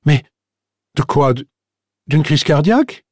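A man's voice: a little high, expressive, slow, darkish tone, no echo, clean studio sound, voice pushed up. A man voicing a reserved, polite young Englishwoman in an audiobook. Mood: guarded. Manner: polite, cautious. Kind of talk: audiobook character voice.

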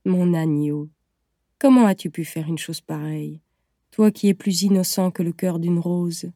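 A woman narrator plays a middle-aged mother, low and mellow in tone, scolding her son more with sorrow than anger. The sound is dry and close. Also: measured pace, no echo. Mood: tender. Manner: reproachful and sorrowful. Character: tender yet exasperated middle-aged mother. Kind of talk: audiobook reading.

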